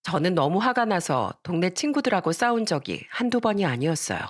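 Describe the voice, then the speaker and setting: Woman reading a story aloud, calm steady narrator voice. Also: fairly low pitch, a little fast.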